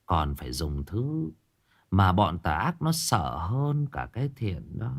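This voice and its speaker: A man voicing a calm, knowing old grandmother who explains things slowly and quietly. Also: creaky, exaggerated voice. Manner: slow, low, unhurried and wise.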